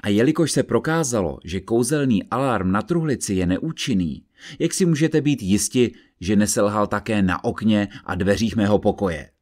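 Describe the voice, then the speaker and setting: A man voicing a stern, agitated judge who speaks in an insistent, forceful way in an audiobook reading. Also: fairly low pitch, lively intonation.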